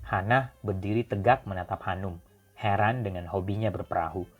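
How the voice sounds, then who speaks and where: This is a man narrating a story in a calm, steady reading voice. His voice sits fairly low. A faint musical bed runs under the narration. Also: normal speed, breathy edge, narrow, tinny audio, soft background music. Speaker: audiobook narrator. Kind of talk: scripted narration.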